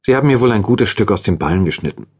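A man's voice: fairly low pitch, animated, racing, darkish tone, breathy edge, voice pushed up. A man voicing a weak, injured young woman. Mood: pained, weary. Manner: weak, strained and tender.

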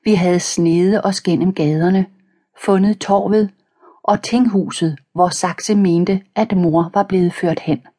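A woman narrating a children's audiobook in the first person, calm and even, reading page numbers aloud. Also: fairly low pitch, breathy edge. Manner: reads page numbers aloud between passages.

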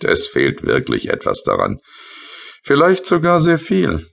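A man's voice: a bass voice, vocal fry, full character voice. A man voicing a grumpy, weary male painter in a children's audiobook, sulky and complaining.

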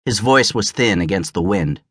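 Low-voiced man narrating an audiobook. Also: animated, normal speed, fairly bright tone, husky, no echo, studio quality. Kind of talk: scripted narration. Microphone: close studio mic.

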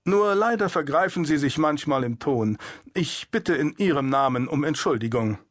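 Ein Mann spricht einen höflichen, gefassten Bauchredner. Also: male voice, a little high, lively intonation, no echo, studio quality. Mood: measured. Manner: polite, measured, pleading. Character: composed male ventriloquist, adult, polite and guarded.

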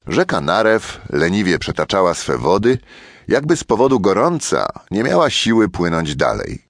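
A man's voice: low-pitched, huge pitch swings, normal speed, dry recording, studio quality. A man narrating a children's audiobook as a storyteller who talks straight to his young listeners.

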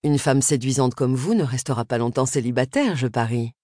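A woman voicing a confident, flattering male hairdresser in an audiobook, in a lowered, self-assured voice. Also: brisk, dry recording, clean studio sound.

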